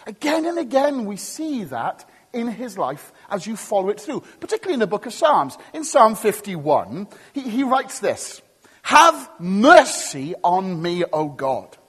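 Male pastor, husky and expressive, emphatic sermon style, long church reverb. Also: high-pitched, normal speed, few pauses. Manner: emphatic and repetitive, punchy short phrases; conversational asides to the congregation.

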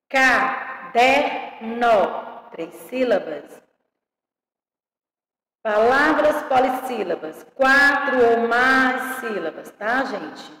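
A woman teaching young children an online grammar lesson, drawing out each word slowly and checking in with them affectionately. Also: a little high, a bit bright. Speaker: primary school teacher. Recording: echoey room with long reverb.

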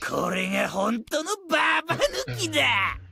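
An actor voicing a manic, sadistic demon jester for a video game, mocking and gleeful in a raspy voice. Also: male voice, very high voice, wildly swooping pitch, moderate pace, bright, forceful tone, faint music behind, heavily acted. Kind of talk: Japanese video game voice acting.

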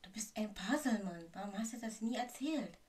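A woman reading aloud and voicing a blunt, clumsy young boy wizard who speaks softly. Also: medium pitch, lively intonation, moderate pace, far from the mic, natural voice.

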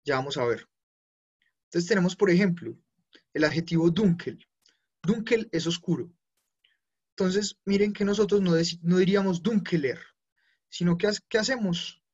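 A man teaching a live online German class, who explains slowly, spells out endings and corrects himself often. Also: sits high, darkish tone, breathy edge, lo-fi sound.

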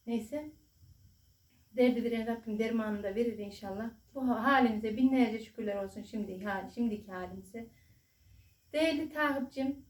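A middle-aged woman vlogging casually at home to her followers, talking in a loud, booming way. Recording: echoey room, distant mic.

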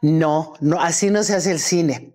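Unhurried Mexican woman telling stories. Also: sits low, dark tone. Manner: chatty, playful asides, many fillers and restarts. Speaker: host. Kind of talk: casual storytelling to her viewers.

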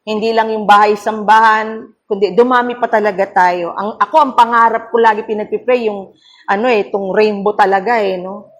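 A woman's voice: medium pitch, fairly even intonation, normal speed. A middle-aged woman pastor giving a devotional sermon, telling a personal story earnestly and checking in with her listeners as she goes. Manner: earnest storytelling, mixing English phrases, frequent "no?" tags. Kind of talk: devotional sermon at a prayer meeting.

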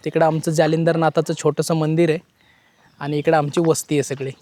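A man's voice: on the high side, level tone, a little fast, darkish tone. A man, chatting cheerfully as he walks through his farm for a village vlog, laughing often. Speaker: vlogger. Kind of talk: casual village vlog narration. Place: outdoors on farm fields.

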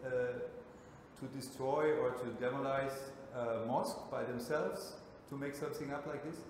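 A man's voice: mid-range voice, normal speed. A man, a journalist putting probing questions in a formal interview. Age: 40s. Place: large open stone terrace, seated. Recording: echoey open hall, background noise.

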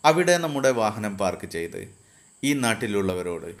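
A man's voice: on the low side, sing-song, normal speed. Man narrating a travel guide. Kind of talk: scripted voice-over narration.

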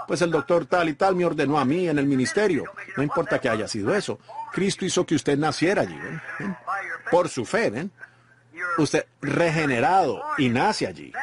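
Man, dubbed sermon voice-over, lively rising and falling delivery, congregation noise behind. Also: fairly high pitch. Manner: emphatic preaching cadence with repeated asides. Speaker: Spanish voice-over reader of a sermon.

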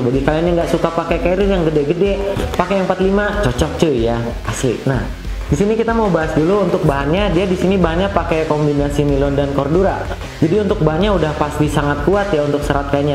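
Talking fast, a young guy gives a casual, slangy review of some gear, his pitch lively with enthusiasm. Recorded against a plain blue backdrop, the lapel mic picks up echo from the studio while music plays audibly beneath him.

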